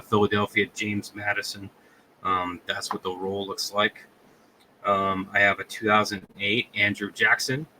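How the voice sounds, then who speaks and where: Male live-sale host, low and monotone, hesitant delivery, light background noise. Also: low-quality recording. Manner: halting, many ums and uhs. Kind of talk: live product selling.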